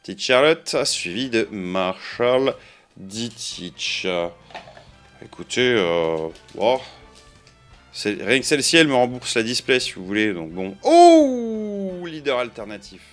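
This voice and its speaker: A man's voice: on the low side, lively intonation, slow, fairly bright tone, faint music behind. Playful man chatting over card openings. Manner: chatty and playful, counting out cards and joking to viewers. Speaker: card-opening video creator. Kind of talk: casual commentary while opening card boosters.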